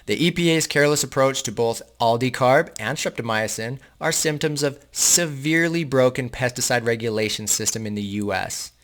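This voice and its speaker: A man's voice: medium pitch, moderate pace, few pauses, a bit bright. A man hosting a channel, reading an article aloud and breaking off into casual, indignant and sarcastic asides to his viewers. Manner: casual, addresses viewers as guys. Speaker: host reading and commenting on an article.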